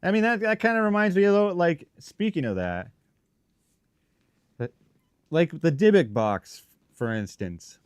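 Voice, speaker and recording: A man's voice: high-pitched, animated, a little slow, pauses often, clean tone, no room sound, studio quality. A man hosting a live stream, talking informally and thinking aloud in rambling, broken phrases as he chats with viewers. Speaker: livestream host, paranormal investigator. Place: shop.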